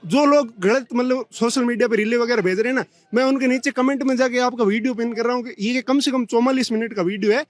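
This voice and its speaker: A young man from Bikaner speaking as a protester in a heated street interview, talking fast and pleading with indignation. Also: very high voice, dry recording. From Bikaner, India.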